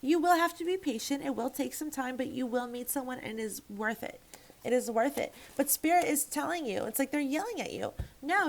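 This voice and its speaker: A woman's voice: on the high side, creaky, rough recording. A woman giving a casual tarot reading to camera, frank and emphatic, swearing freely and rambling with restarts. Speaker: tarot reader.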